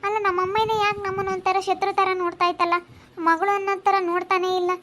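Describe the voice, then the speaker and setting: Amateur drama role: woman playing a weepy pregnant young wife, very high crying voice, plaintive. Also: flat delivery, fast talker, a bit bright, slight background noise. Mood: tearful. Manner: plaintive, complaining. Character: tearful young pregnant wife, hurt by her family.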